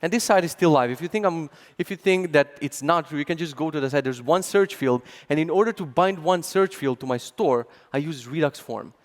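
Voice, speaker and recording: A man speaking on stage at a conference, with a sarcastic, animated storytelling delivery full of mock quotes. His voice sits a little higher than most men's. A long hall reverb trails behind every phrase. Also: fairly quick, hardly any pauses. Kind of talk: conference talk.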